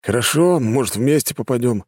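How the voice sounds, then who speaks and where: A man's voice: mid-range voice, lively intonation, moderate pace, a little mellow, breathy edge, dry recording, studio quality, voice pushed up. A male narrator voicing a down-to-earth adult male conscript who talks in casual, blunt banter. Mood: chatty. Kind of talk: audiobook narration with voices.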